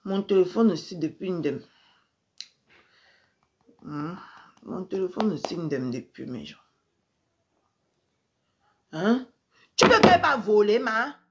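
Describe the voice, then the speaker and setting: A woman ranting on a live social media stream, upset and angry, repeating herself and swinging between loud outbursts and low mutters. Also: lively intonation, slow, long pauses. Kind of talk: indignant Facebook live rant.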